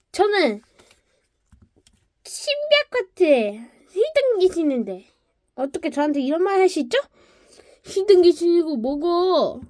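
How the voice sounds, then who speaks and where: In a high voice, one woman performs all the parts of a comic cartoon, hopping from character to character and breaking into yells and fake sobbing.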